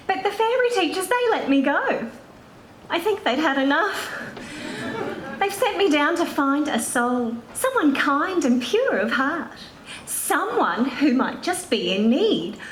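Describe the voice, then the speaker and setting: A bubbly novice fairy from a stage pantomime, extremely high and swooping wildly in pitch. She delivers cheery rhymes to the audience in an echoey theatre with faint noise. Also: a bit bright, heavily acted. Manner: sing-song rhyming, theatrical, cheery.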